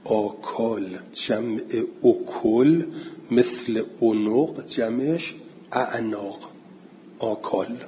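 A man teaching a class, explaining word meanings step by step, asking and answering his own questions and slowing down to recite verse. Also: mid-range voice, mellow, long reverb tail, muffled recording, a little hiss or hum. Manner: slows down to recite Arabic verse and terms.

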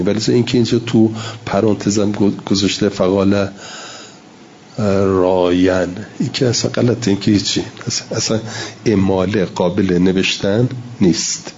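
A man's voice: on the low side, a little mellow, dull audio, a little hiss or hum. A man lecturing a class on Quran recitation, reading Arabic lines and explaining them in casual Persian, sounding out examples and repeating himself.

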